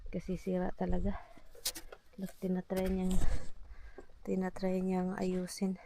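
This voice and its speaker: Filipino woman, gravelly low voice, chatty home vlog, noisy phone recording. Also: monotone, unhurried. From Philippines. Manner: chatty, switching between Tagalog and English, often drops to a whisper. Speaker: vlogger. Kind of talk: casual vlog chat. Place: home, garage and house.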